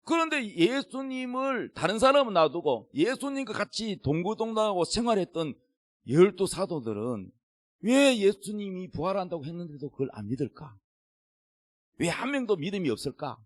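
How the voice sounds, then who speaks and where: Pastor, male, middle-aged; high, lively sermon voice, dry close sound. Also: normal speed, no echo. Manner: emphatic, asks the congregation questions. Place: church.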